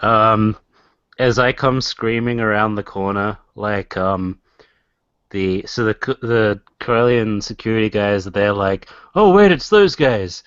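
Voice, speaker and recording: A man's voice: on the low side, steady tone, unhurried, fairly bright tone, clear, resonant tone, no room sound. A man playing a tabletop role-playing game, describing his character's actions in a rambling way with many fillers. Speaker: player. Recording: dry, dull lo-fi sound.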